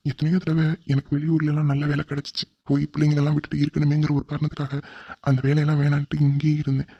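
A man's voice: a little high, creaky, husky, dry recording. A man voicing an earnest, middle-aged father of the bride in a cartoon drama, pleading and heartfelt. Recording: dull lo-fi recording.

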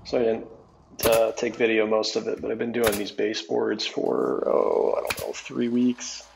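A man casually narrating his own home renovation, relaxed and rambling with frequent ums. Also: lowish voice, moderate pace, creaky, background noise. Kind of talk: casual narration over DIY footage. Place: garage under renovation.

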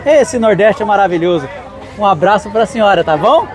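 A man's voice: high voice, lively intonation, brisk, a little mellow. A Brazilian man hosting a vlog, giving casual, enthusiastic commentary to his viewers as he walks through a market. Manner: enthusiastic, addressing viewers directly. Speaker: vlog host. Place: outdoor street market. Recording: busy street crowd and traffic noise. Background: market crowd, vehicles.

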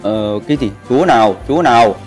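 A man's voice: medium pitch, animated, fairly quick. Brief: a male streamer joking crudely with his viewers, chatty and casual, with faint music in the background. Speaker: game streamer. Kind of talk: casual live-stream chat.

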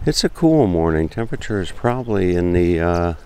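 A man's voice: deep voice, very animated, fairly quick, a little mellow, clear, resonant tone. An American man from Florida narrating a walking vlog on a seaside pier, chatty and repeating himself as he looks around. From Florida, United States. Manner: chatty, repeats phrases while looking around. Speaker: vlogger. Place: outdoors on a long seaside pier.

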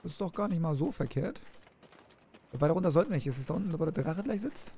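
Quick, higher-voiced man with creaky edge. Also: animated, dark tone, a little hiss or hum. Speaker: let's play host. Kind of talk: casual gameplay commentary, reading on-screen texts aloud. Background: game music.

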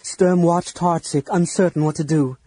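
A man narrates a fantasy saga as an audiobook, his voice mellow and a touch husky. He sits a little higher than most men and swings between shouted lines and near-whispers as the story moves. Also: fairly even intonation, moderate pace, poor audio. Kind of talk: dramatic audiobook reading.

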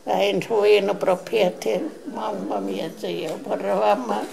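An elderly woman in her eighties with a southern Italian accent and a gravelly voice, telling old stories casually in dialect as a grandmother, re-enacting bits of old dialogue. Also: medium pitch, level tone, a little slow, crowd noise. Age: 80s. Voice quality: gravelly, aged voice. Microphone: handheld camera at arm's length.

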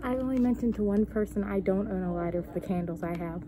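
Chatty young woman, loud background noise. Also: medium pitch, fast. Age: young adult. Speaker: student vlogger. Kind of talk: casual chat. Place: large indoor campus room. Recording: noisy room ambience, camera mic.

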